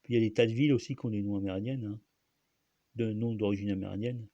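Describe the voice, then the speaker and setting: A man's voice: fairly low pitch, steady tone, fast, mellow, dry recording, highs cut off. A man hosting a casual solo talk, rambling and hesitant with many restarts and fillers. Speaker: host.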